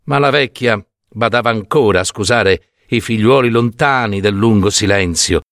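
Expressive male storyteller, dry close sound. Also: medium pitch, no room sound. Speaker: narrator. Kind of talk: scripted narration of a short story.

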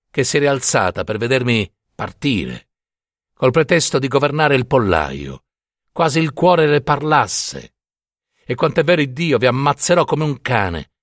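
A man's voice: mid-range voice, dry recording, studio quality. A man voicing a defiant, guilt-ridden young peasant in a storybook reading, speaking in earnest oaths.

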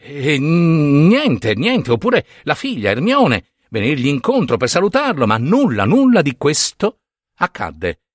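A man reading a storybook aloud in an expressive, dramatic narration. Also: a little high, a little slow, no room sound, studio quality.

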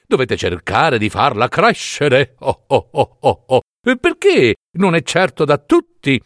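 A haughty little darning needle speaks in a high, fussy voice full of self-importance, as a male narrator puts it on. Its pitch leaps around as it frets about being too thin. The sound is dry and close. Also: sing-song, unhurried, fairly bright tone, no room sound. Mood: vain, fussy. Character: vain fragile darning needle, thin and proud.

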